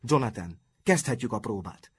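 A man voicing a polite but hot-tempered top-student boy, with a husky voice. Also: medium pitch, expressive. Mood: eager. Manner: indignant, formally polite.

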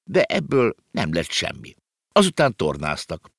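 A man narrating a children's novel as an audiobook, with lively, expressive storytelling. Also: deep voice, vocal fry, slightly rough, no echo, clean studio sound.

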